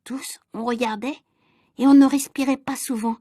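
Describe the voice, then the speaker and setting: A woman reads a children's storybook aloud, clear, measured and expressive, for shadowing practice. Her voice is high, and the recording is dry and close with no room sound. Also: no echo. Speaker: reader.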